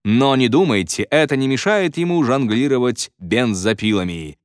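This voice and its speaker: A man voicing a showy male talent-show host with a drawn-out announcing delivery. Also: mid-range voice, expressive, dry recording, clean studio sound, pitched above the performer's own voice, natural voice.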